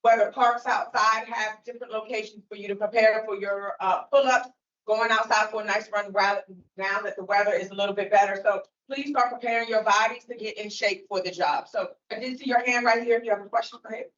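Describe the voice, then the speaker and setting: A woman moderating a recruitment event, upbeat and quick to say "perfect" between speakers. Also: mid-range voice, steady tone, fairly bright tone, distant mic. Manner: upbeat, says "perfect" often. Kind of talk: casual public talk. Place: meeting room. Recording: echoey, muffled room from afar.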